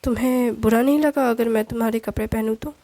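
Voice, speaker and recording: A woman's voice: on the high side, fairly even intonation, fast, warm tone, no room sound. A woman voicing a young new bride who asks polite, curious questions.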